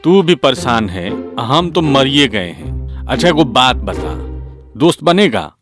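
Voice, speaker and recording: A man's voice: mid-range voice, very animated, slow, over music, voice pushed down. A man voicing a tipsy, cheeky young male truck-driver ghost with a Bihari accent and a slurred drawl. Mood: teasing.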